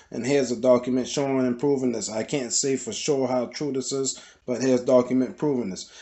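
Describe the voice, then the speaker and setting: A man's voice: medium pitch, mellow. A man gives casual, opinionated history commentary, arguing in colloquial language with rhetorical questions. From southeastern United States. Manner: argumentative, colloquial, with rhetorical questions and repeated "all right?". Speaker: presenter.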